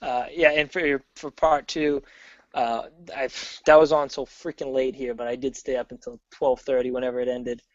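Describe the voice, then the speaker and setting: A man chatting casually as a guest, an excitable fan who rambles and restarts often, heard over a dull remote call. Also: mid-range voice, normal speed, no room sound. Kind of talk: casual sports chat.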